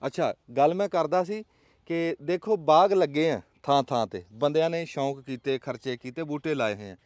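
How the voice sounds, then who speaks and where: Emphatic, higher-pitched Pakistani Punjabi man hosting. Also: normal speed, a little mellow, no room sound. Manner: emphatic, rhetorical, folksy storytelling. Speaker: vlog host. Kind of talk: casual outdoor vlog talk.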